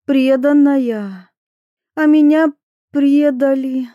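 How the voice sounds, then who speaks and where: A woman's voice: sits high, very slow, dry recording, highs cut off, pitched above the performer's own voice. A woman reading the lines of a childlike, strange young woman in an audiobook, in a naive singsong way. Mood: wounded.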